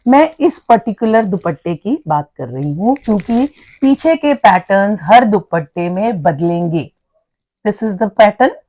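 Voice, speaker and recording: A woman's voice: mid-range voice, animated, measured pace, dark tone, low-quality recording. A woman in her thirties with an Indian accent showing dupattas for sale, explaining each point carefully and often repeating or correcting herself. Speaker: clothing seller presenting dupattas. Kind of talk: product showcase, switching between Hindi and English.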